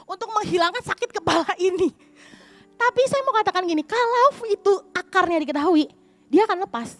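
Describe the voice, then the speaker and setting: A young adult woman pastor preaching in church, telling a personal story with lively acted-out dialogue. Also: very high voice, brisk. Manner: lively storytelling, acts out quoted voices.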